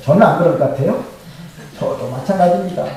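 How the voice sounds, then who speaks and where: A man's voice: on the high side, quick pace, darkish tone. A male pastor preaching a sermon who keeps asking the congregation questions and having them repeat the answers. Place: church sanctuary. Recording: very echoey hall, mic far off.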